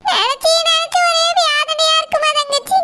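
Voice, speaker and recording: A shrill grieving cartoon grandmother. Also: fairly even intonation, normal speed, sharp tone, soft background music, heavily acted. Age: older. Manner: lamenting, repetitive, pleading. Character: grieving old grandmother, tearful and worried. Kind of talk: cartoon voice acting.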